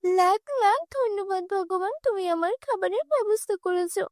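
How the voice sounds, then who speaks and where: Kind, downtrodden cartoon heroine, voiced by a woman. Very high, plaintive young voice, humble, dry sound. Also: normal speed, dry recording. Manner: plaintive, earnest pleading. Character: meek, mistreated young stepdaughter, kind and pleading. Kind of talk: cartoon fairy tale character acting.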